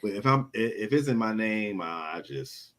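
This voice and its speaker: A man's voice: lowish voice, expressive, moderate pace, fairly bright tone, rough recording. A man co-hosting a casual wrestling review show, often restarting and repeating words as he talks. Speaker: podcast co-host.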